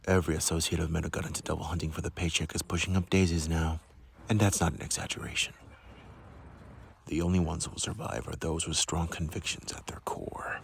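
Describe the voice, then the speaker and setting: A man playing a stern, cold young male supervisor of devil hunters in an anime fan dub, speaking in a hushed, clipped, menacing way. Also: very deep voice, steady tone, brisk, gravelly, slight background noise. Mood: cold, scolding.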